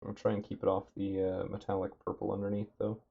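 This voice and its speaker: A man livestreaming as he paints a miniature, thinking aloud in a relaxed way with lots of fillers, his throat a bit dry and rough. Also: lowish voice, quick pace, narrow, tinny audio. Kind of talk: casual livestream chat. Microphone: desk mic with noise gate.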